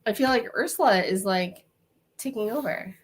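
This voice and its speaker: A woman co-hosting a relaxed chat, her voice hoarse and giving out. She still talks in an animated, chatty way, mid-range in pitch. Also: moderate pace. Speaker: co-host. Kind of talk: casual chat.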